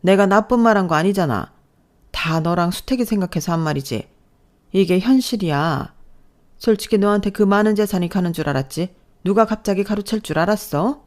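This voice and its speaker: A woman's voice: medium pitch, fairly quick, natural voice. A woman voicing a snobbish, scornful older mother-in-law who scolds and belittles. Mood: scornful scolding. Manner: contemptuous, scolding.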